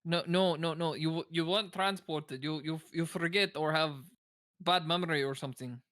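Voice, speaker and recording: Man, high voice, stammering broken English, tabletop role-play in character. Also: fairly even intonation, moderate pace, a bit bright. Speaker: player.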